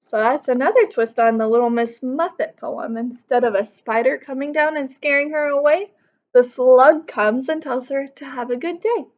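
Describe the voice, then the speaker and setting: At home on the living room couch, a woman in her thirties reads a picture book aloud and explains it to young pupils as their teacher. She talks at a moderate pace in a high voice, and the audio is dull.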